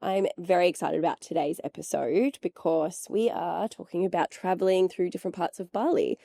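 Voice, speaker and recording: A woman co-hosting a podcast, casual and chatty, her voice husky from being sick. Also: fairly low pitch, a little fast, dry recording, clean studio sound. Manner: relaxed, chatty. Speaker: podcast co-host. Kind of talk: casual chat.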